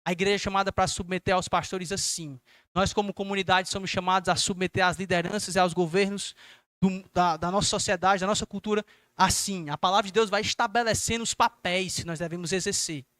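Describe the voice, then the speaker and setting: A young man preaching a youth service sermon, earnest and exhorting, acting out gentle questions to his listeners. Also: high-pitched, fairly even intonation, fairly quick, no echo, studio quality.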